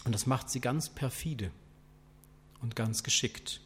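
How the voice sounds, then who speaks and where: A man preaching a sermon, asking rhetorical questions in a deliberate, questioning way. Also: mid-range voice, slight background noise. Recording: long hall reverb.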